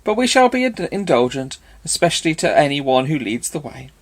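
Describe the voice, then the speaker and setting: A man's voice: fairly high pitch, brisk. A man playing an impudent young charmer.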